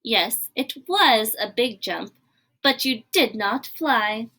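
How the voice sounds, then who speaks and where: A woman's voice: a little high, animated, takes it slowly, pushed and bright, exaggerated voice. A woman doing a doubtful storybook elephant. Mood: matter-of-fact. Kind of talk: children's storybook reading.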